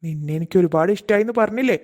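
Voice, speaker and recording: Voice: mid-range voice, a little mellow, natural voice. An actor voicing a menacing cartoon abductor. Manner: coaxing then threatening, slow and insistent. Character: menacing adult male abductor, possessive and cruel. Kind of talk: cartoon voice acting. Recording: music playing faintly underneath.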